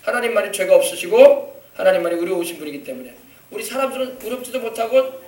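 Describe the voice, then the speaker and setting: A man pastor giving an animated children's sermon, coaxing the kids with questions. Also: high-pitched, fast. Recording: echoey church from far off.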